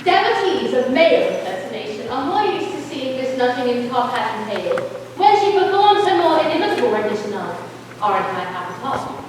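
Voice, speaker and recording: A woman's voice: fairly high pitch, very animated, fairly quick. A woman playing a flamboyant music hall master of ceremonies, declamatory and theatrical on stage. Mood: grandiose. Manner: grandiose, declamatory. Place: school theatre stage, audience recording. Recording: echoey noisy hall from far off.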